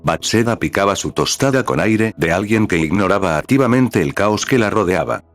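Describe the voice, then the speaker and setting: A man reading a story aloud in scripted narration with an even, measured delivery. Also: lowish voice, dry recording.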